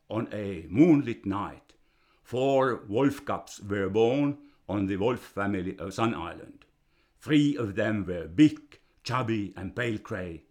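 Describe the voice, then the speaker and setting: An older Finnish man, speaking with a Finnish accent, reads aloud a fairy tale he wrote for his grandchildren. He is a storyteller reading his own children's book, going slowly and deliberately with a lively, storybook pitch.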